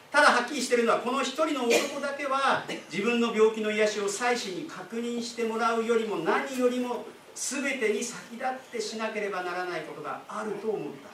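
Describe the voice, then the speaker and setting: A man with a high-pitched voice gives a sermon, talking to the congregation in a relaxed, explaining way with asides and questions. He stands away from the mic in an echoey church hall, with faint room ambience behind him. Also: distant mic, slight background noise. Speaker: pastor.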